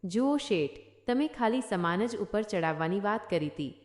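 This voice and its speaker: A woman's voice: medium pitch, expressive, normal speed, a little mellow, lightly acted. A woman voicing a cheeky working-class male porter who haggles in a blunt rustic dialect. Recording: echoey room.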